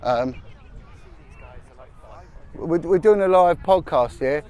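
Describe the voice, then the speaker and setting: Speaking slowly in a slightly high, animated and somewhat mellow voice, this middle-aged man runs an outdoor live-stream podcast in a city park, talking with passers-by. He's blunt and impassioned, and words get repeated once he's fired up.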